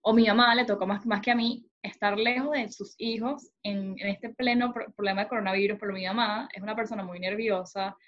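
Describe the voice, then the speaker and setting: Quick young woman chatting. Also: medium pitch, fairly even intonation, a bit bright, highs cut off. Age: 20s. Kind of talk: casual chat among friends.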